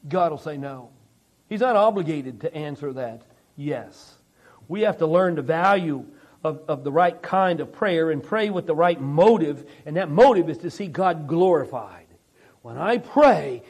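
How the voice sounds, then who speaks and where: A man preaching a sermon in a conversational way, chuckling and asking the congregation rhetorical questions. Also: on the high side. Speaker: pastor.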